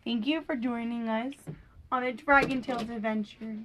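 A young woman reading a children's picture book aloud for her podcast, gentle and lightly animated, with small lifts in her voice for the characters. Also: on the high side, normal speed, slight background noise, rough recording. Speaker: podcast storyteller.

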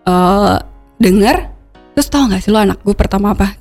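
A woman, a podcast guest telling her own story candidly, animated, often laughing and slipping English words into her talk. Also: mid-range voice, normal speed, soft background music.

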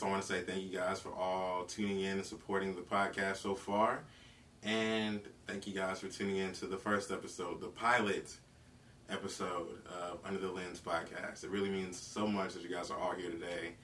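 A young man from South Carolina talks alone on his podcast, easygoing and rambling, full of fillers and slang. His voice sits low and stays flat. He sounds a little far from the mic, with faint noise behind him. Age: 20s. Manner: laid-back, rambling, lots of fillers and slang. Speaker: podcast host. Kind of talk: casual solo podcast talk.

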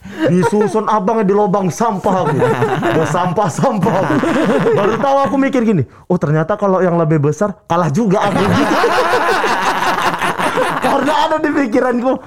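A man telling a school story in casual chat, brisk and chuckling. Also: sits high, very animated.

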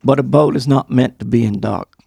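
A man's voice: medium pitch, a little fast, vocal fry, mellow, husky, no room sound. A man co-hosting a casual faith podcast discussion, speaking in an earnest, preacherly way. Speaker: podcast co-host.

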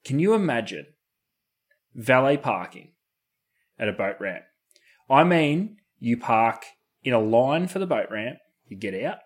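A man with an Australian accent chats casually at a middling pitch. He uses laid-back, colloquial slang and sounds like a co-host on a talk show. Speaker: podcast co-host. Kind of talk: casual chat.

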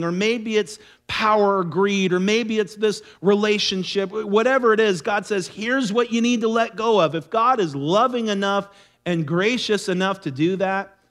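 A man's voice: high-pitched, measured pace, fairly bright tone. A man teaching a midweek Bible study in an earnest way, repeating phrases for emphasis.

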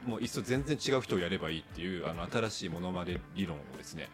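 Low-voiced chatty man with lively pitch. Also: fast, over music. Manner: chatty, lots of agreeing fillers, laughs often. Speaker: podcast co-host. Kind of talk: casual chat. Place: rental room, recorded in person.

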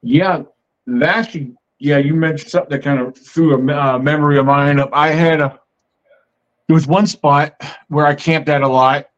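A man with a fairly high voice talks in a loose, meandering way, as if chatting with a guest on his own show. The recording sounds muffled and lo-fi. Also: fairly even intonation, moderate pace. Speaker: podcast host. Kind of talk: casual storytelling. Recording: muffled lo-fi audio.

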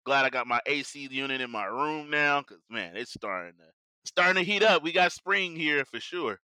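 Male podcast host, bright forceful voice, slightly high pitch, casual slangy chat, upbeat, dry close sound. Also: expressive, moderate pace, smooth, no room sound. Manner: informal, slangy, upbeat talk.

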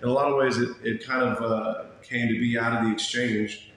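A man's voice: mid-range voice, little pitch movement, fairly quick, a bit bright. A man chatting casually as an interview guest in a small room, rambling along in laid-back slang. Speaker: interview guest, bar and band member. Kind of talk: casual chat. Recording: very echoey small room, faint noise.

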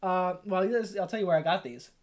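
Man, higher-pitched voice, playful, teasing, deadpan jokes, comedy podcast co-host. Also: brisk. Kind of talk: improvised comedy banter.

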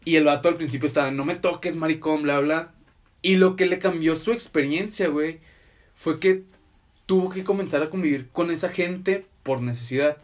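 Higher-voiced young Mexican man, slangy chat. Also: normal speed. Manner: slangy, profane, explanatory. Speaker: podcast co-host. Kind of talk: casual chat.

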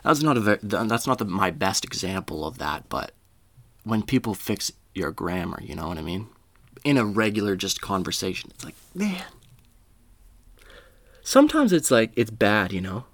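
A man's voice: lowish voice, sing-song, moderate pace, fairly bright tone, no echo. A man hosting a podcast, telling a rambling, profane, self-deprecating story in casual talk. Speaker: podcast host. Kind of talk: casual comedic monologue.

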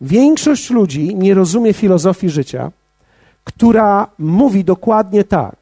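A man preaching a sermon as pastor, measured and speaking directly to his congregation. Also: sits high, expressive, warm tone, dry recording.

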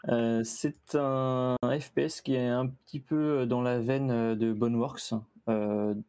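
Male co-host, low dark voice, dry close sound, hesitant and casual. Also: fairly even intonation, slow pace, clean tone, dry recording. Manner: hesitant, many fillers. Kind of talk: casual gaming news chat.

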